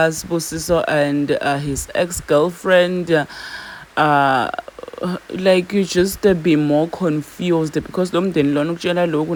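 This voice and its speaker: A man with a South African accent hosting a channel, giving casual commentary in a hesitant, halting way. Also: fairly high pitch. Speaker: YouTube channel host. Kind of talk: casual vlog commentary mixing English and Zulu.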